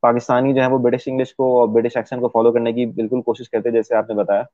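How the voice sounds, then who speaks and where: A man from Pakistan, a guest in an interview, explaining things at length and pausing often on drawn-out fillers. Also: mid-range voice, level tone, warm tone, dry recording. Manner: hesitant, many drawn-out fillers. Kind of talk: explanatory conversation. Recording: dry, tinny phone-like sound.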